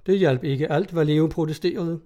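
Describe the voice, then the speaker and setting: Male narrator, formal audiobook reading, mellow tone, slightly higher voice. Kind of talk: audiobook reading of a classic tale.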